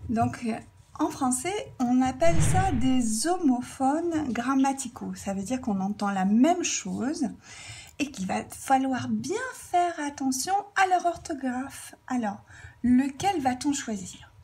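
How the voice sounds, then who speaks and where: A woman teaching a grammar lesson, explaining slowly and carefully while she writes out examples. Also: high voice, animated, darkish tone. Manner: slow, careful dictation, writing while talking.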